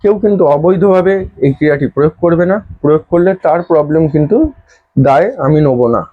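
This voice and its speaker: A man giving earnest spiritual advice straight to his viewers, explaining a ritual step by step and slowly chanting a mantra. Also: on the high side, phone-quality sound. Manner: earnest, instructive, addresses viewers intimately. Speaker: astrology and spell advisor. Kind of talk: direct-address advice video.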